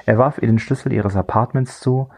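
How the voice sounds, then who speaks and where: A man narrating a crime thriller audiobook in a measured, dry storytelling voice. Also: mid-range voice, fairly even intonation, darkish tone, soft background music.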